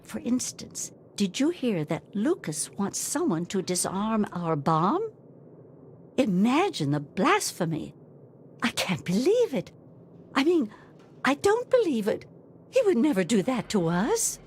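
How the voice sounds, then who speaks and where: A woman's voice: on the high side, big pitch swings, a little slow, slight background noise. A woman voicing a nosy, sweetly sanctimonious female cult prophet who gossips in a video game. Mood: gossipy, pious. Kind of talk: video game character dialogue.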